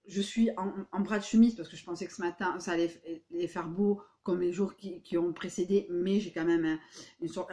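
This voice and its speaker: A vlogger with a Béarnais-tinged southwestern French accent speaks straight to her viewers from home indoors in a rambling, emphatic monologue. Her voice is fairly low with a dark tone.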